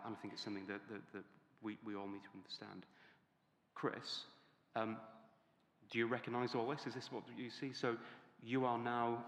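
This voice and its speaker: A middle-aged man moderating a conference panel, hesitant and often pausing or repeating words. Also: on the low side, a bit bright. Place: large hall on a conference stage. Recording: very echoey conference hall.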